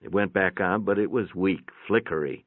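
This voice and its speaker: A low-pitched man reads a first-person short story aloud at a normal pace, narrating in a folksy, plainspoken way. The recording has a boxy room echo and a tinny, phone-like quality.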